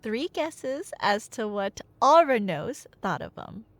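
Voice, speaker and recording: Slow-paced and a little high, her voice swings widely in pitch on a dry recording. She's acting out an audio roleplay as a talkative nerdy girlfriend retelling Greek myths with excitement, speaking casually and joking aside to an unseen listener.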